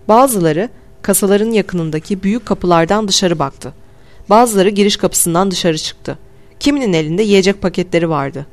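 A man calmly narrating a first-person audiobook in a measured storytelling voice. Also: high-pitched. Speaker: audiobook reader.

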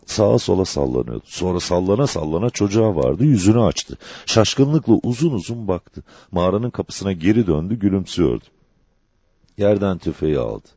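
A man reading a dramatic novel aloud as an audiobook narrator, in an expressive storytelling manner. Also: deep voice, moderate pace, slightly rough, dry recording.

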